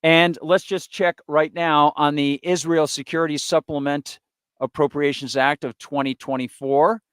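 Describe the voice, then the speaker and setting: A man's voice: fairly high pitch, steady tone, normal speed, fairly bright tone, smooth, no room sound, clean studio sound. A man hosting a live political stream, reading through a list with sarcastic asides in opinionated commentary. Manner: sarcastic, reads off long lists with asides.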